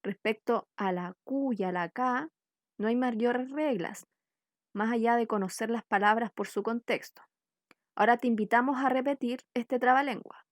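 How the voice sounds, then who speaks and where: A woman from Chile giving a scripted spelling lesson, reading out example words one by one in a slow, deliberate way. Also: fairly high pitch, no room sound, studio quality. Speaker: workshop teacher.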